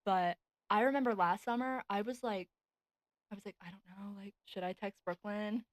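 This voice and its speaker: A nineteen-year-old woman co-hosting a casual chat podcast, talking loosely with lots of "like" and quick laughs. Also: medium pitch, fairly even intonation, no echo, low-quality recording. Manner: chatty, laughs often, lots of "like". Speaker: podcast co-host. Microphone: desk podcast mic.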